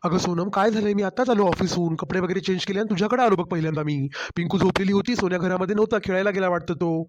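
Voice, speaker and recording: A man playing a gentle, fast-talking husband. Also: sits high, dull audio, lightly acted. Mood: concerned. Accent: Marathwada Marathi. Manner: coaxing, concerned. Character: caring office-going young husband, gentle. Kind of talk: cartoon story voice acting.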